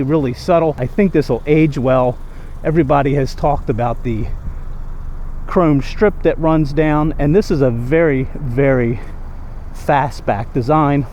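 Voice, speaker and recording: A man's voice: fairly high pitch, darkish tone, dull audio, slight background noise. A man giving a casual, off-the-cuff car review in a conversational, opinionated way, repeating words for emphasis, recorded on binaural microphones in and around a car.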